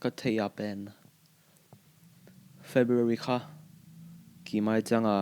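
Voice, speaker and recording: A young man, a university student, answering podcast questions in halting, casual chat. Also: medium pitch, level tone, darkish tone, clean tone. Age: young adult.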